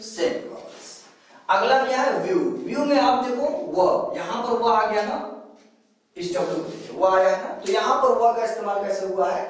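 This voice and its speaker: A man from India with a Hindi accent from Uttar Pradesh, teaching an English grammar lesson in a coaching class. He asks the students questions and answers them himself, and reads the English lines out very slowly. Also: high-pitched. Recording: very echoey room, far from mic.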